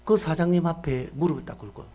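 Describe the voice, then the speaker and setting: A middle-aged male pastor telling a story in a sermon, acting out the people in it with sudden shifts in voice. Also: fast. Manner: acts out quoted characters with lively swings in pitch and loudness.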